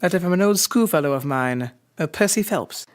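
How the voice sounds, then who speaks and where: An actor playing a genial, loyal Victorian gentleman doctor in an audio drama, speaking politely and in measured phrases. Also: high voice, lively intonation. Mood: reflective.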